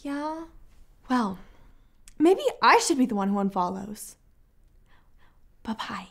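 A woman's voice: on the high side, very animated, unhurried, creaky, full character voice. A young actress playing a sensitive, hurt girlfriend in a comedy series, speaking in a wounded, reproachful way. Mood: hurt, bitter. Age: young adult. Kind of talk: scripted comedy series acting.

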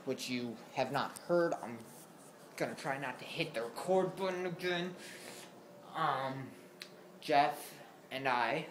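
A man's voice: a little high, slight background noise. A man vlogging casually at home to his camera, tired and easily sidetracked, rambling with many fillers.

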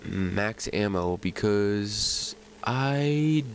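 A man narrates his video game session in a loose, rambling way, full of ums and uhs. His voice sits on the low side and his nose sounds a bit stuffy. He talks at an unhurried, dragging pace. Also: animated, slight background noise, poor audio. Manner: rambling, self-chatting, many fillers. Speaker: gaming commentator. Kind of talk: let's play commentary.

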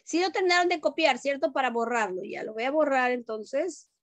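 A primary school English teacher with a high, animated, brisk voice teaches young children in an online class. She patiently repeats herself, asks questions to check they understand, and calls the kids pet names; there's no room sound.

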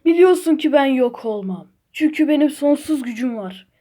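High-voiced woman acting out a playful story. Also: normal speed, a little hiss or hum. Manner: animated, switching between excited and growling character voices. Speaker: toy story narrator and voice player. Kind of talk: playful improvised character play.

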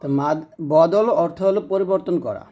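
Mellow-voiced man teaching a reading lesson. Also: a little high, expressive, a little fast, lo-fi sound. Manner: patient, repeats rules, checks understanding. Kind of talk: explanatory lesson.

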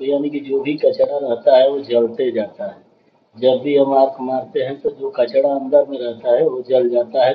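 A man who runs a welding channel explains a pipe weld step by step over footage of the work, repeatedly saying "dekhiye" and calling viewers "doston," or friends. His voice is medium-pitched, and the audio has cut-off highs and a bit of hiss or hum.

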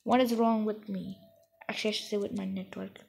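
A woman giving excitable, rambling let's-play commentary during a co-op game, playfully trash-talking her partner. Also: mid-range voice, a little fast, vocal fry, slightly rough, poor audio. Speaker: gamer playing co-op.

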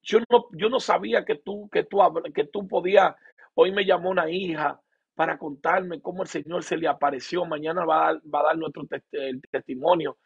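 A male pastor preaches and shares his own testimony in a slightly high, gravelly voice. He speaks with emotion and keeps repeating words as he restarts his phrases. The recording sounds dull and lo-fi. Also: steady tone, moderate pace. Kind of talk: sermon with personal testimony.

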